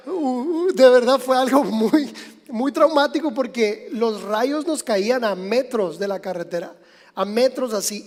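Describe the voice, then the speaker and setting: Preaching in a church sanctuary, a man with a high, slightly mellow voice and a Mexican Spanish accent addresses the listeners as if in conversation. Long church reverb trails after him.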